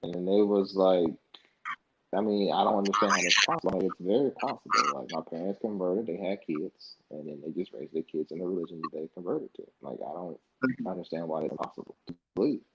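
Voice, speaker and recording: A young adult man from the United States, appearing as a podcast guest, tells stories casually in a deep, brisk voice. He is animated, acting out past conversations in colloquial speech, over a noisy background on dull lo-fi podcast audio.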